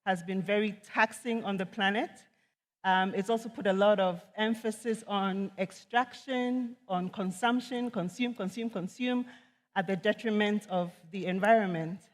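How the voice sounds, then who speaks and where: Woman economist from Ghana, measured conference speaker, mid pitch, long hall reverb on a stage mic. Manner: measured, earnest, with frequent ums. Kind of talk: conference talk.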